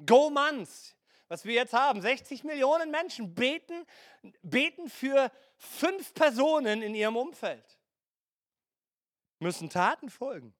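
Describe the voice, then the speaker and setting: A man delivers a sermon in an unusually high voice, taking his time with each phrase. He slips into playful mimicry of hesitant listeners. The sound is dry and close. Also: sing-song, a little slow, no echo. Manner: preaching with acted asides and playful mimicry. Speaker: pastor.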